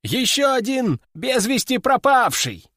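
A man's voice: very high-pitched, big pitch swings, measured pace, fairly bright tone, dry recording, studio quality, voice pushed up, exaggerated voice. A man voicing an army major who reports to his general in a raised, explaining voice. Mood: reporting, sheepish. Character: nervous, shrugging middle-aged army major.

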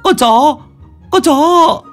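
A man voicing a crude, panicky fat young man in a ghost story, shrill and squealing when scared. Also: expressive, drawn-out words, fairly bright tone, faint music behind, heavily acted. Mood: terrified.

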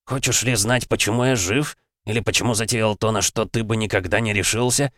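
A man's voice: lowish voice, fairly even intonation, a little fast, fairly bright tone, no room sound, clean studio sound, pitched above the performer's own voice, close to an everyday voice. A man voicing a gloating undead demon father who sneers and taunts his son. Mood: mocking.

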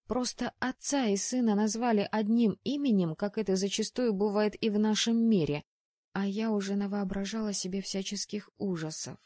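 A woman reading a first-person audiobook in a lively, expressive way. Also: medium pitch, moderate pace, no room sound, clean studio sound. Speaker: audiobook narrator.

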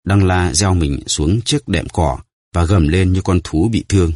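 A man narrating an audiobook in a steady storytelling way. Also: sits low, measured pace, no echo, studio quality.

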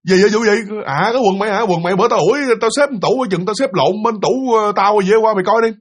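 A man's voice: high voice, fast. A man voicing a brusque middle-aged woman who brushes off questions. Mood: offhand.

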